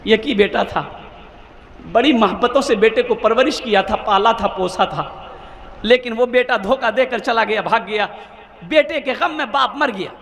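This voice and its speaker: A man's voice: high voice, normal speed, creaky, a bit bright, big-room sound. A man preaching an emotional sermon, telling a story dramatically and calling on the audience to answer him.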